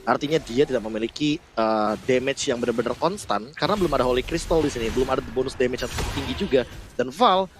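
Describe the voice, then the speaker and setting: A man's voice: medium pitch, quick pace. A man with an Indonesian accent giving detailed, explanatory analysis during live video game commentary.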